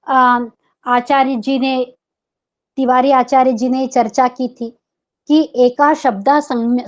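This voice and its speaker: A woman, a Sanskrit pronunciation expert, giving a teaching lecture at a teachers' seminar, speaking carefully and chanting verses with drawn-out syllables. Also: high-pitched, highs cut off.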